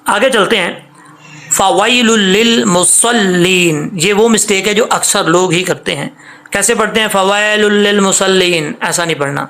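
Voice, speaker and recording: A man with a fairly high voice and a Pakistani Urdu accent teaches Quran recitation. He explains patiently and repeats, stretching each demonstration syllable slowly. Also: creaky, sharp tone. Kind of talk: tajweed lesson, explaining and demonstrating pronunciation.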